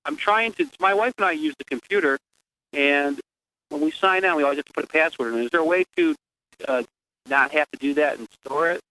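A man from Rochester, New York, calling in to a radio show and asking friendly, halting questions. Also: a little high, pushed and bright, rough recording.

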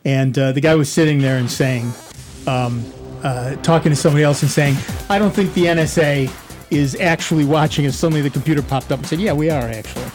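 High-pitched American male radio host. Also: fairly quick, a little mellow, soft background music. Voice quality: throat trouble. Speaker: radio call-in show host. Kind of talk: casual radio talk and announcing. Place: radio studio.

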